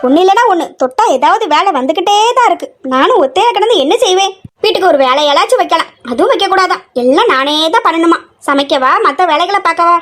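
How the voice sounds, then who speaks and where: A woman's voice: very high-pitched, expressive, fast, a bit bright. A woman playing a nagging middle-aged mother in a family comedy skit, scolding and complaining nonstop. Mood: grumbling.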